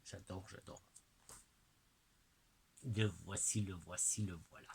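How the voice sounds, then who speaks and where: Male host, lowish voice, unhurried and hesitant, talks straight to the viewer while showing cards. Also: steady tone, vocal fry, a little mellow, slight background noise, poor audio. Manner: hesitant, halting, addresses the viewer directly. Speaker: oracle card presenter. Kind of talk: casual oracle card unboxing chat.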